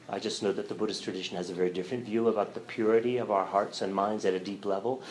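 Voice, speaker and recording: A middle-aged man, a religion professor, giving a relaxed, thoughtful lecture with fillers and a light sense of humor. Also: fairly low pitch, slight background noise, poor audio. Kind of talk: lecture to a church audience.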